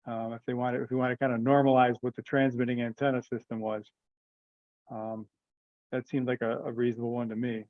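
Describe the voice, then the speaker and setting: A man with a mid-range voice and flat delivery explains a proposal a little fast during a committee teleconference. The dry recording sounds muffled; his tone is informal, tentative, and aimed at getting agreement as he thinks aloud.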